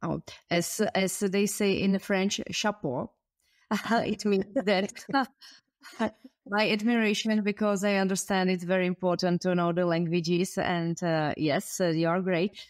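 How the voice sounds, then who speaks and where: A woman's voice: mid-range voice, steady tone, a little slow, dry recording, studio quality. A woman interviewing a guest, asking questions hesitantly with many fillers and some non-native phrasing.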